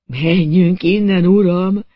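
A man's voice: high-pitched, steady tone, dark tone, dry recording, voice pushed up. A man reading a story aloud, voicing a timid, superstitious male bartender who speaks fearfully in a trembling voice. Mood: frightened.

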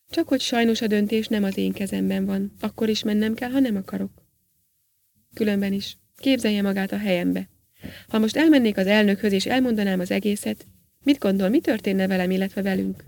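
A woman voices a stern, formal male professor in a read-aloud story, pressing each question with insistent politeness. The voice keeps a gravelly edge at an ordinary middle pitch. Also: a little mellow, lightly acted.

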